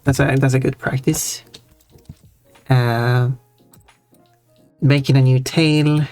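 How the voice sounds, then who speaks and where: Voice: mid-range voice, flat delivery, darkish tone, soft background music. Giggly streamer with a Swedish accent. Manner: rambling, halting, giggly. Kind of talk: casual live-stream chat.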